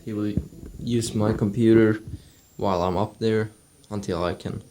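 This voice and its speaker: Slow, low-voiced young man vlogging at home. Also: steady tone, dark tone, a little hiss or hum. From Sweden. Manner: slow and halting, with many restarts. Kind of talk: casual vlog. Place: at home indoors.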